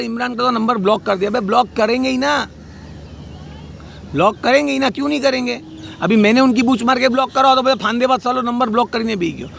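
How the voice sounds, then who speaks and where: A man's voice: sits high, vocal fry, slight background noise. A man delivering a heated, scolding rant about a family dispute, outdoors by a street. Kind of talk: angry spoken rant.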